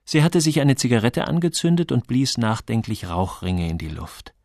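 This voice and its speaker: A man narrating an audiobook in a calm, low and expressive storytelling voice. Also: moderate pace, no echo, studio quality.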